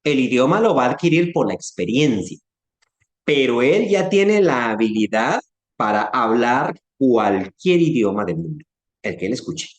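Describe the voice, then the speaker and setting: This informal church lecture comes from a Latin American Spanish-accented man who keeps things conversational, quizzing the audience and acting out sounds. His mid-range voice is very animated, his pace measured, and the room sounds spacious.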